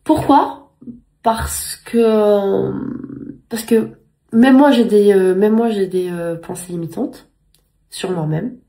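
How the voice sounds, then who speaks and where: A Spanish-speaking vlogger in her thirties talks casually to the camera from home in a medium-pitched, creaky voice with a dark tone. She's earnest and repeats words while hunting for the right phrasing.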